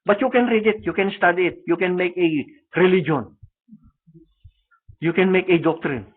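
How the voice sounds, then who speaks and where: A man preaches with a very high voice, switching between Tagalog and English and tagging his points with quick checks to the listeners. The sound is thin and phone-like, as if from a live stream. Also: slightly rough. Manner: mixes Tagalog and English, frequent tag questions. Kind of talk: sermon. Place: church service.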